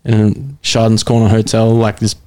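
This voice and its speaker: An Australian man in his thirties chats casually on a podcast, telling relaxed stories peppered with swearing. His voice stays level and even in pitch, with little rise or fall. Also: normal speed. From Brisbane, Australia. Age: 30s. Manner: relaxed storytelling with swearing and fillers. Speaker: musician guest.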